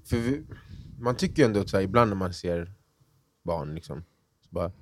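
Young male co-host, low-pitched, easygoing conversational delivery. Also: expressive, a little mellow. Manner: attentive listener, many short agreeing murmurs. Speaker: podcast co-host. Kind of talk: casual chat.

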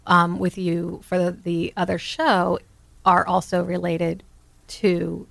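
A woman co-hosting a podcast, talking in a thoughtful, halting casual way. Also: on the low side, flat delivery, gravelly, no room sound. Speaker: podcast co-host. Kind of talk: casual chat.

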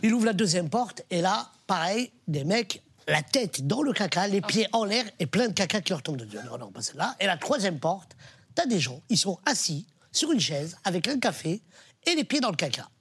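A man with a high, husky voice who tells jokes with energy. He leaps up in pitch at the punchlines and builds his stories with comic pauses. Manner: animated storyteller, big pitch jumps on punchlines. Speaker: guest comedian. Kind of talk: joke telling and casual chat.

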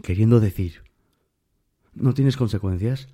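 A man's voice: fairly low pitch, a little slow, mellow. A man telling a personal story in a casual monologue, emphatic and speaking straight to the listener. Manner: emphatic, addresses the listener directly.

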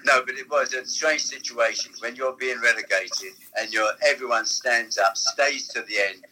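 Man, bright tense voice, former football insider reminiscing, halting story-telling. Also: mid-range voice, poor audio. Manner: rambling, halting storyteller with restarts. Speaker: former football club figure, guest. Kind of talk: casual reminiscing chat.

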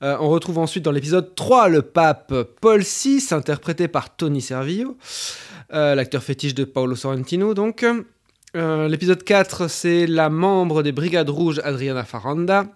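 A man hosting a round-table film podcast, lively and quick to laugh between questions. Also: fairly high pitch. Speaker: podcast host.

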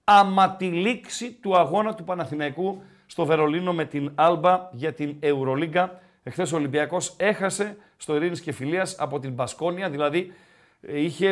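High-voiced man in jokey sports banter. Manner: joking, animated banter. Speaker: podcast host. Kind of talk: casual sports chat.

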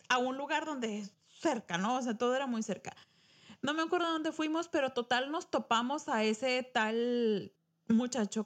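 A young woman with a Mexican Spanish accent, co-hosting a podcast and telling a childhood story in a casual, animated way. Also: fairly high pitch. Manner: animated, acts out quoted voices. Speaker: podcast co-host.

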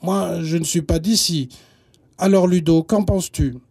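A man voicing an excitable young boy who scares easily, in a storybook reading. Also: fairly high pitch, gravelly, breathy edge, heavily acted. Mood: puzzled. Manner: excitable, quick to worry. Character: eager boy visiting from elsewhere, easily scared. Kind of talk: storybook narration.

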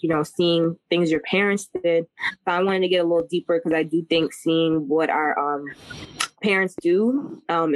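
A woman's voice: on the low side, no echo, rough recording. A woman hosting a podcast, asking questions in a casual way, full of "like" and "um". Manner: casual, many fillers like "like" and "um". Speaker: podcast host. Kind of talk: casual interview chat.

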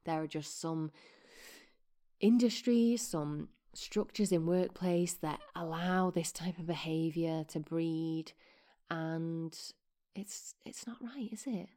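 A woman's voice: deep voice, slow pace, dark tone. A woman hosting her podcast, chatting casually with whispered asides while her voice keeps cracking. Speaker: podcast host.

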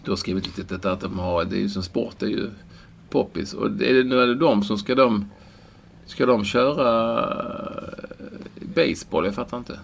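A man in casual sports chat, rambling with restarts and playful mock shouts. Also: on the low side, creaky, a little hiss or hum. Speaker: podcast co-host.

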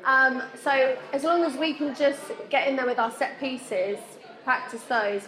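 A woman's voice: high voice, unhurried, fairly bright tone. Giggly woman in an echoey room. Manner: tentative, giggly. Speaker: pundit guest. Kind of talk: casual sports chat. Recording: roomy echo.

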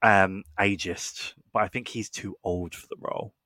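A man's voice: lowish voice, steady tone, moderate pace, bright, forceful tone, no room sound. A young man, co-hosting a podcast and gushing in casual, filler-heavy chat. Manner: gushing, chatty, lots of fillers. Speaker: podcast co-host.

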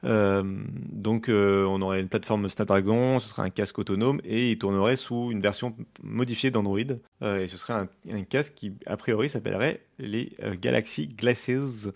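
A man's voice: lowish voice, fairly even intonation, normal speed, creaky, hardly any pauses. A young man in casual live-stream chat about tech, hesitant, with many fillers and restarts. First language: French.

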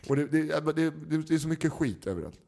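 A man's voice: on the high side, gravelly. A man in casual chat, telling a story and acting out the people in it with changing voices. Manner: animated anecdote teller, acts out quoted people.

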